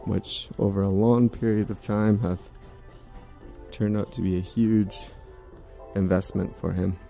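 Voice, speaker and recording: Walking through a big indoor department store with a handheld phone camera, a man gives casual tour commentary, making chatty remarks to himself. He speaks in a lowish, flat, dark voice with vocal fry at a measured pace, faint music behind him.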